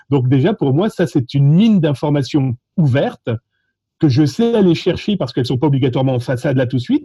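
Lively French man, lo-fi sound. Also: on the high side, breathy edge, no room sound. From France. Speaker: social engineering contest participant. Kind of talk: animated conversational storytelling.

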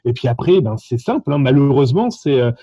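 A man from France with a French accent, telling stories animatedly in a lively, joking way about his contest calls. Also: mid-range voice, fairly quick, slightly rough, no echo, highs cut off. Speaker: social engineering contest participant. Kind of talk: animated conversational storytelling.

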